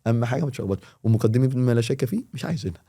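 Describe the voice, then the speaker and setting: A man with an Egyptian Arabic accent, a teacher talking in a casual podcast and explaining with quick, animated examples. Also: mid-range voice, husky. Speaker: English teacher, podcast guest.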